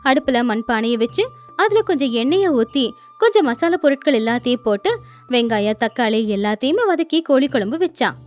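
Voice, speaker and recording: A woman narrating a moral storybook tale in a gently emphatic storytelling manner, with faint music underneath. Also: high-pitched, animated, fairly quick.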